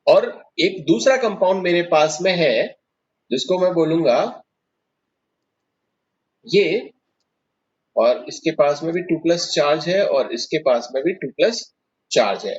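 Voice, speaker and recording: A man's voice: fairly high pitch, lo-fi sound. A man teaching chemistry in a classroom lecture, explaining step by step and putting questions to his students.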